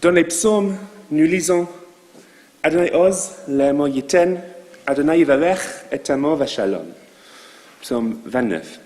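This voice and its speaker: A man with a non-native accent in French, a rabbi giving a sermon to his congregation in a slow, measured way with asides to the listeners. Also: on the high side, darkish tone, big-room sound. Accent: foreign accent in French. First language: not French. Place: synagogue.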